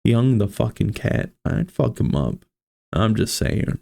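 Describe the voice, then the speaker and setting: Slow, gravelly low-voiced man reading aloud. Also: big pitch swings, warm tone, no room sound, clean studio sound. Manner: casual, foul-mouthed asides. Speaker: streamer reading a story aloud. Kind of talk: reading a horror story aloud with casual commentary.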